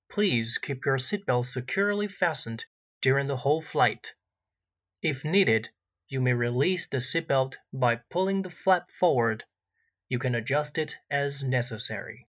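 A man reading recorded airline cabin announcements in a formal, measured way, pausing where details would be filled in. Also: mid-range voice, expressive, bright, forceful tone, lo-fi sound. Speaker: in-flight announcer.

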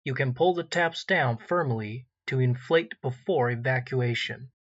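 A man reading recorded airline cabin announcements in a formal, measured way, pausing where details would be filled in. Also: medium pitch, muffled recording. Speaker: in-flight announcer.

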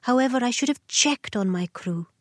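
A woman playing a conscientious, apologetic flight attendant in a scripted lesson dialogue, careful and clearly enunciated. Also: a little high, lively intonation, normal speed, no echo, clean studio sound. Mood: apologetic, earnest.

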